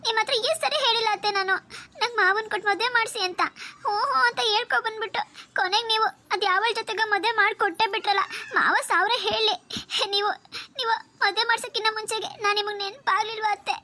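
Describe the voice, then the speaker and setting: A lovesick cartoon girl, high and bright, whining through tears and rattling her lines off quickly. She is stubborn and clingy, forever pleading. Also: fairly even intonation. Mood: sobbing reproach. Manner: whiny sobbing pleading. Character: lovesick tearful young woman, stubborn and clingy. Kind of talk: cartoon voice acting.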